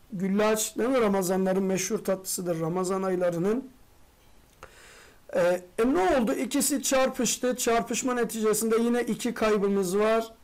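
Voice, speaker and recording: Teacher firing off rhetorical questions. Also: mid-range voice. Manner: asks rhetorical questions and answers them; addresses students familiarly as friends. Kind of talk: exam-prep grammar lesson.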